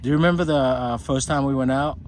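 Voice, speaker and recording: A man's voice: mid-range voice, fast talker, slight background noise. A man interviewing a tuk-tuk driver, asking short questions to prompt his stories. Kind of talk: casual interview.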